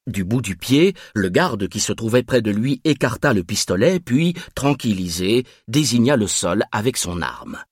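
Low husky guy narrating a thriller audiobook, dry close sound, voice goes up and down a lot. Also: animated, unhurried, few pauses, dry recording.

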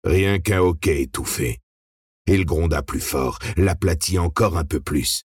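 Very deep, husky male narrator. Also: unhurried, no room sound, studio quality. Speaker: audiobook narrator. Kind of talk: scripted narration.

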